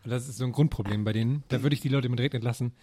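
A man co-hosting a podcast, telling animated anecdotes in casual chat. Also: medium pitch, very fast, no echo. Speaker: podcast co-host.

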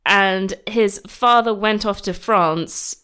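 A woman's voice: mid-range voice, slow pace, pushed and bright, smooth. A woman, co-hosting a podcast and casually retelling a historical life story while laughing easily. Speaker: podcast co-host.

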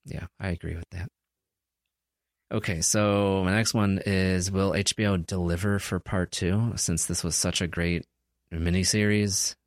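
A man's voice: low voice, steady tone, measured pace, no echo, studio quality. A man co-hosting a podcast in casual chat, joking and laughing often. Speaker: podcast co-host.

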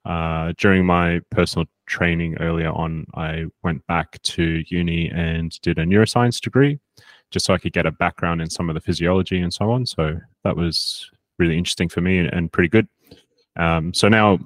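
A man's voice: low-pitched, no room sound. A man in his thirties, born in South Africa and raised in Australia, talking casually as a fitness coach guest. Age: 30s. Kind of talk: casual interview.

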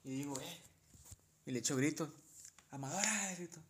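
Young Mexican man, podcast co-host, animated slangy storyteller; higher voice, echoey room, faint noise. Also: a little fast. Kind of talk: casual storytelling chat. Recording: roomy, faint background noise.

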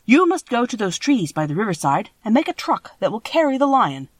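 Woman acting out an earnest, lively scarecrow man. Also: on the high side, a little fast, no room sound. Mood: directing. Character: earnest, courteous male living scarecrow. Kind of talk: storybook character voice.

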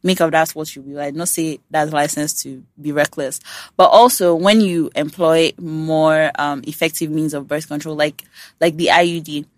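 A woman's voice: sits low, steady tone, normal speed, no room sound. A woman hosting a casual podcast, talking frankly and bluntly and swearing freely. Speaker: podcast host.

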